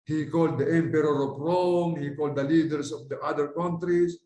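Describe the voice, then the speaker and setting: A man's voice: fairly high pitch, fairly even intonation, moderate pace, warm tone, a little hiss or hum. A man from the Philippines giving a religious classroom lecture, teaching in a conversational way, often checking in with his listeners and mixing in English phrases. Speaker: Islamic lecturer. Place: lecture hall at a dawah center. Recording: echoey room recording.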